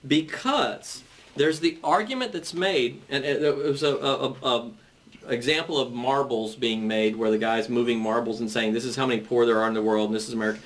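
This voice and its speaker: A man's voice: mid-range voice, fairly quick, a bit bright, recorded from a distance. Long-winded male debate host. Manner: long-winded, stumbles and repeats words. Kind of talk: panel debate show.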